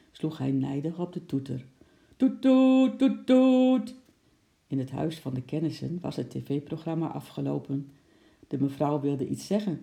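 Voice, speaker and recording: A storyteller reading a children's story aloud in a calm, even manner. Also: medium pitch, gravelly.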